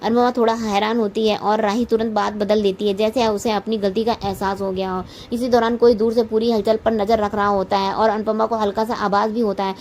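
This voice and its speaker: Woman narrating a serial recap, flat. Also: mid-range voice, brisk, hardly any pauses, a little hiss or hum. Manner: frequent restarts and self-corrections.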